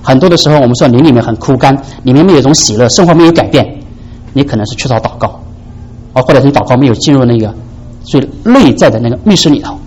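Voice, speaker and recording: A man preaching a sermon to his congregation, asking rhetorical questions and swinging from soft low asides up to high, emphatic peaks. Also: expressive, quick pace, husky, dull audio. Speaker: pastor.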